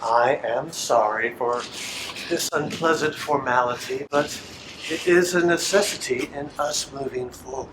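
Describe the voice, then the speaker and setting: In an echoey, noisy room, an actor plays a sinister male captor in a film drama. He is formal and eerily calm, speaking slowly and persuasively in a slightly high voice. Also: close to an everyday voice. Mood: falsely gentle. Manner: formal, deliberate, persuasive, pausing mid-sentence. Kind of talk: film acting.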